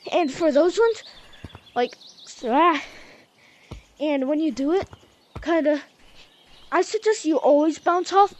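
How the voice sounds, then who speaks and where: A woman's voice: sits high, a little mellow. A young woman, a bit out of breath, chatting loosely as she teaches a game move by move. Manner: chatty, loose, says y'all and like. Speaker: gaming tutorial host. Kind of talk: casual game tutorial.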